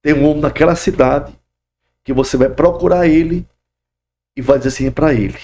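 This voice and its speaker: A man's voice: on the high side, moderate pace, darkish tone, a little hiss or hum. A middle-aged man, a pastor telling his testimony in a podcast interview, fervent and full of exclamations of praise. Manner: fervent, bursts of "glória" and "aleluia".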